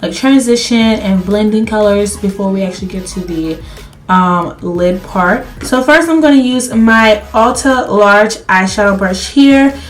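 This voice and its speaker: Talking to viewers directly in an unhurried, mid-range voice, a woman walks through a makeup tutorial in a chatty, casual way. Her voice is slightly crackly because she's ill and losing it.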